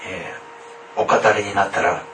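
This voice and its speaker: Low-voiced man preaching in an echoey room. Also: little pitch movement, fairly bright tone, soft background music. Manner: formal, measured, frequent hesitant fillers. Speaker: pastor. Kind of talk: sermon. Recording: echoey room, distant mic, faint noise.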